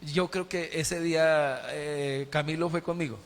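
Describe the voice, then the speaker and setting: Man, Colombian accent, middle-aged, pastor, emotional repetitive preaching, raised pitch, reverberant church. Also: fairly even intonation, measured pace. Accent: Colombian Spanish. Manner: emotional storytelling with heavy repetition. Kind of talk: sermon with personal testimony. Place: church sanctuary.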